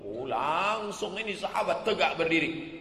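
A man's voice: sits high, expressive, normal speed, bright, forceful tone. A man preaching an Islamic sermon, emphatic and rhythmic, building repeated phrases into crescendos. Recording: echoey hall with long reverb.

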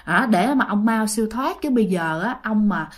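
A woman voicing a middle-aged male exorcist who pleads softly. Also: mid-range voice, animated, moderate pace, close to an everyday voice. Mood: pleading. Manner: soft pleading. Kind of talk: told ghost story.

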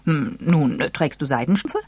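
A sly, good-humoured elderly gentleman who enjoys teasing, voiced by a storyteller. He speaks in a dry, easy tone with a slight breathiness. The sound is close and free of room echo. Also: mid-range voice, expressive, moderate pace, husky.

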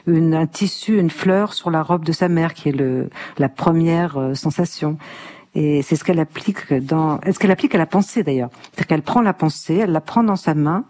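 Radio interview guest, mellow, warm, enthusiastic, searching for words, studio. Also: mid-range voice, moderate pace. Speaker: guest speaker on literature.

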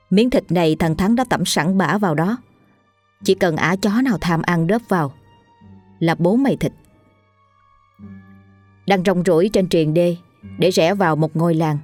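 A woman's voice: fairly low pitch, darkish tone, dry recording. A woman narrating a ghost story in a vivid, colloquial storytelling manner. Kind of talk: scripted horror story reading.

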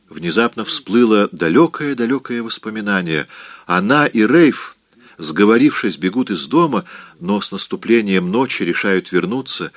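Male audiobook narrator, deep voice, dramatic delivery. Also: no echo. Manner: expressive, dramatic reading.

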